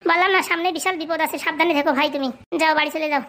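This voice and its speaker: Woman doing a shrill scheming con man. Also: fairly even intonation, a bit bright. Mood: mock-mystic. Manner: bossy, fast-talking, scolding. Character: scheming young male con man posing as holy fortune-teller. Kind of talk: comic cartoon voice acting.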